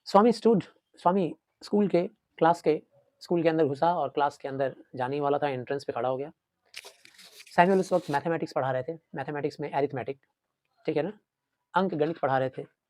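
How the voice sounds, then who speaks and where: A man's voice: on the high side, a little fast, darkish tone, no room sound. Man teaching a story, dry close sound. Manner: explains line by line, repeats and asks questions. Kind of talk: story lesson mixing Hindi and English.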